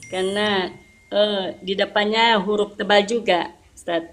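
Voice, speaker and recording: A woman's voice: mid-range voice, steady tone, measured pace. A woman with an Indonesian accent, an adult student in a recitation class, answering her teacher hesitantly and reciting verses. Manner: hesitant, deferential, says "Ustaz" often.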